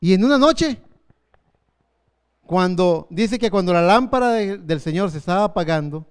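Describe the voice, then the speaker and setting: A man in his fifties preaching a sermon as pastor, earnest, slowing down for emphasis. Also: high voice, lively intonation, clear, resonant tone. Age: 50s.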